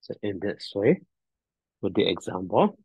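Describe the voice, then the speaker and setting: A man teaching grammar as he recites word forms, halting and repetitive as he thinks aloud. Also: low-pitched, big pitch swings, gravelly, a little mellow, breathy edge. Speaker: teacher, addressed as a Buddhist monk. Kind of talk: grammar lesson on verb endings, reciting forms. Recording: dull, roomy lo-fi audio.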